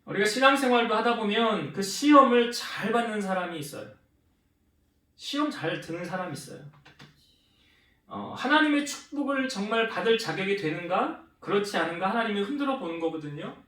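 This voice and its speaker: Male pastor, animated sermon voice, echoey sanctuary, mic set back. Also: a little fast. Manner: asks the congregation questions and answers them himself; acts out quoted speech with shifts in pitch and loudness. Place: church sanctuary. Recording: roomy church hall with the mic some distance away.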